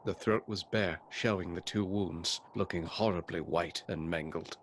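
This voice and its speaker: Man playing Seward, solemn low-voiced journal-keeping doctor. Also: moderate pace, slight background noise, close to an everyday voice. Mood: weary, horrified. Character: earnest, solemn male doctor narrating his journal. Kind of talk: radio play narration and acting.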